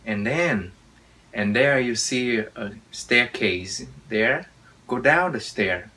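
A man's voice: medium pitch, expressive, drawn-out words, pushed and bright, distant mic, heavily acted. A man playing a helpful man who gives step-by-step directions in an English practice dialogue. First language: Vietnamese. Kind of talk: English dialogue role-play.

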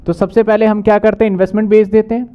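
A man teaching accounting in a brisk lecture, asking questions and answering them himself. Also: sits high, flat delivery, lo-fi sound. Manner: brisk, asks and answers his own questions. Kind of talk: whiteboard lecture.

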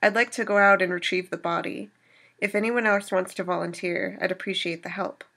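A woman's voice: medium pitch, steady tone, fairly quick, creaky, a bit bright. A woman reading aloud as a stern devout man who speaks in a firm, moralizing way.

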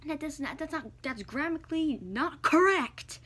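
A woman's voice: high-pitched, animated, moderate pace, fairly bright tone. A woman vlogger reading comments aloud and firing back with sarcastic, indignant comebacks. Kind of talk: casual chat.

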